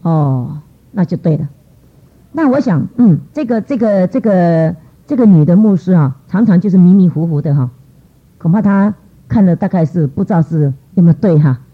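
A middle-aged woman telling a lively church testimony, acting out what people said in changing voices. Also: moderate pace, breathy edge. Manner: lively, acts out quoted voices with pitch jumps. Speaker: church speaker giving testimony. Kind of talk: storytelling testimony talk. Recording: dull lo-fi recording.

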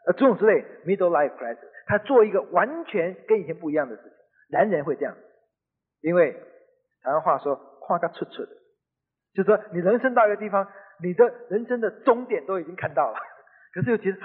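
A man's voice: high-pitched, breathy edge. A middle-aged man preaching, telling a story earnestly and conversationally in a radio sermon. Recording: tinny phone-like radio broadcast with long reverb.

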